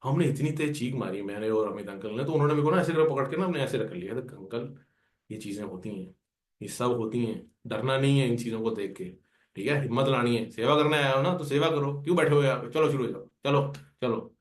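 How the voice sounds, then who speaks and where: A man's voice: mid-range voice, fairly quick. Man telling a story in a roomy space. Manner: conversational, acts out dialogue with friends. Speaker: devotee sharing a personal experience. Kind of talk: storytelling testimony. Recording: roomy echo.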